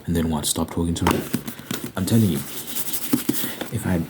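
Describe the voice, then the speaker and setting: A man with a very deep voice talks through his opinions in a casual solo monologue. He leans on points emphatically, often repeating short phrases. A constant, obvious layer of noise sits under his speech. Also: normal speed. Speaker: video host.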